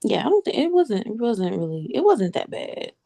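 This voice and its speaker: A woman's voice: a little high, sing-song, normal speed, gravelly, dark tone. A woman in her thirties, a guest on a video-call interview, chatting casually, laughing often and calling the listener honey.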